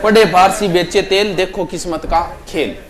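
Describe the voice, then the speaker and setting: High-voiced man with a Rajasthani accent, teaching. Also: steady tone, normal speed. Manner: chatty, repeats each proverb, mixes local dialect, jokes with the class. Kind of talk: classroom lecture explaining proverbs. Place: classroom.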